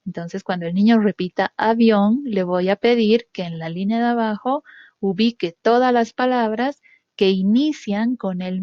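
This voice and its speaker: Recorded with lo-fi, room-free sound, a woman with a medium-pitched, slightly mellow voice gives an instructional walkthrough of a test procedure, step by step. She checks understanding with a repeated "¿sí?", uses lots of fillers, and stresses key sounds.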